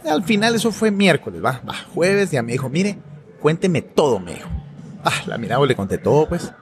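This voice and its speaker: Guatemalan man, professor guest; swooping lively delivery, pitched a bit high, casual slang, easy laughter. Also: moderate pace. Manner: animated, slangy, laughs often. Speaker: podcast guest, university professor. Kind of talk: casual storytelling conversation.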